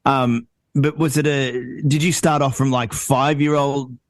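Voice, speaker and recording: An Australian man hosts a relaxed, informal interview. His voice sits at an average male pitch and is recorded very dry, with no room sound. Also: measured pace, dry recording. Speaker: interview host. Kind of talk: casual interview chat.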